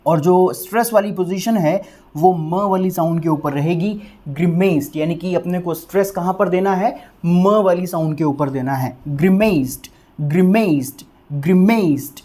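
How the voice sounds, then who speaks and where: A male English teacher giving a vocabulary lesson, who repeats each word slowly to drill its pronunciation and keeps checking that viewers have understood. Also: high voice, darkish tone. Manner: addresses viewers as friends, asks "clear?".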